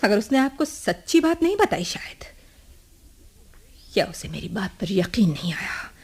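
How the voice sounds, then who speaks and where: A woman's voice: medium pitch, big pitch swings, a little slow, breathy edge. An actress playing a proud, defiant young woman in a radio drama, telling her story with earnest emotion. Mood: earnest recounting. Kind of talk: 1980s radio drama acting.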